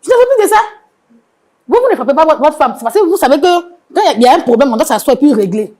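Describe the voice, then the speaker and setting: Woman, middle-aged, high voice, rapid speech, accusatory, repetitive, confrontational. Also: lively intonation, dark tone. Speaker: angry mother of the wife. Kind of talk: heated confrontation on a mediation show.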